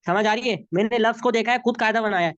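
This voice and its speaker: A man's voice: high-pitched, fast, a bit bright, no room sound, dull audio. A man from Pakistan with an Urdu accent, teaching an online class and patiently repeating rules while checking that students follow. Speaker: Arabic grammar teacher. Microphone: video call.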